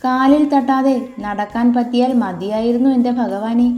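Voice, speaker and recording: A woman reads a doting middle-aged mother in a storybook, gentle and fond. The voice is mellow and a little high. It echoes in a room with faint music. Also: normal speed, close to an everyday voice.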